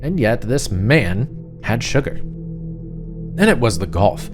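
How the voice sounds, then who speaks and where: With music in the background, a man narrates a horror story in the first person as a frightened, suspicious wife. His medium-pitched, very animated voice sounds confiding and uneasy, with deliberate pauses.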